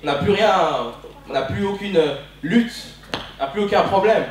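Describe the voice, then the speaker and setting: Picked up by a distant mic in a very echoey church hall, a young Belgian man in his twenties preaches passionately and emphatically during a service, leaning on repeated phrases. He speaks at normal speed in a high-pitched voice, with slight background noise.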